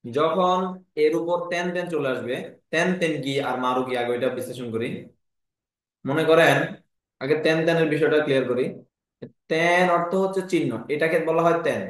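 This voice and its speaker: A man teaching a language lesson, patiently repeating each syllable slowly and clearly. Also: a little high. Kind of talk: classroom lesson explaining Japanese script. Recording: very echoey room.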